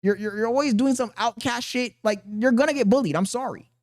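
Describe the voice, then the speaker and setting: Here the thin-voiced reaction host sits at an extremely high pitch and talks a little fast. He's chatting casually with his audience, reacting to chat in a blunt, mocking, and profane manner.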